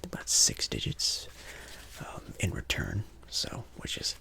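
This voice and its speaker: Slowly and with a bright, forceful tone, a man whispers through an ASMR roleplay as an apologetic, friendly casino dealer. He's breathy and chatty, giving polite but hesitant reassurance.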